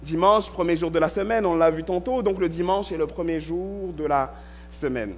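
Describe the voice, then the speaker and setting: A man with a notably high voice for a male speaker preaches from a church pulpit. He reads a passage aloud and then explains it in small, methodical steps, pausing to check in with his listeners. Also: a little hiss or hum. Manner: reads scripture, then explains step by step with frequent "ok". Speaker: pastor. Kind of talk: sermon.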